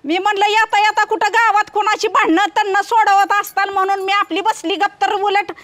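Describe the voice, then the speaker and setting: An actress playing a sharp-tongued old village farm wife who bickers back at her husband. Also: very high-pitched, steady tone, fairly quick. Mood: bickering. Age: older. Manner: quarrelsome, questioning.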